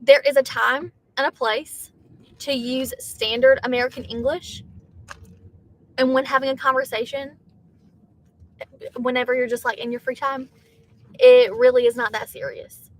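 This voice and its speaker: A woman's voice: high-pitched, steady tone, normal speed, pauses often. A young woman with a Southern accent, chatting casually to her livestream from a car and reading viewer comments aloud. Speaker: livestreaming gig driver.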